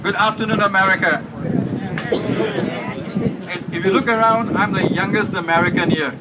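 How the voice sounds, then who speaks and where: A man from Singapore giving a humorous, emotional speech at an outdoor rally, with halting restarts. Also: high-pitched, fairly even intonation, heavy background noise. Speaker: village councilman. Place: outdoors on building steps in a crowd. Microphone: handheld mic, filmed by a phone from far off. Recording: distant phone video of a crowded street rally.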